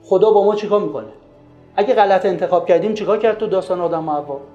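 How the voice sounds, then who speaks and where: A man giving a lively talk on raising children, pressing the listener with rhetorical questions. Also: sits high, muffled recording. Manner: asks many rhetorical questions. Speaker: religious parenting speaker. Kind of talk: lively lecture retelling a story. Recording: roomy echo with faint music.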